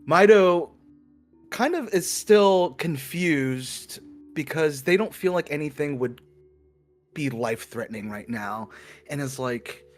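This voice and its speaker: A man playing a tabletop game, describing his character's actions haltingly with many fillers. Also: fairly high pitch, animated, faint music behind. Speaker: player.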